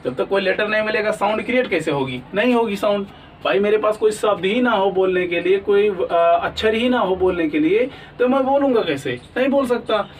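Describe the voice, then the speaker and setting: Male teacher, high voice, quizzing style, slightly distant mic with light background hiss. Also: expressive, brisk. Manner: asks questions then answers them himself; repeats "ठीक है ना?" often. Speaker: English teacher. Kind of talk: classroom lesson.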